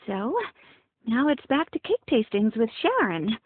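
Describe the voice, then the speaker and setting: A woman's voice: a little high, big pitch swings, unhurried, pitched above the performer's own voice. A woman reading an audiobook, voicing a breezy, teasing young woman friend. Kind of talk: audiobook character voice. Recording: dry, phone-like narrow sound.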